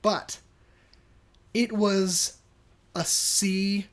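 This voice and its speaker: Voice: medium pitch, very slow. Chatty podcast host telling a story. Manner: animated, acts out quoted people in the story; chatty, many fillers and restarts. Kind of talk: casual storytelling.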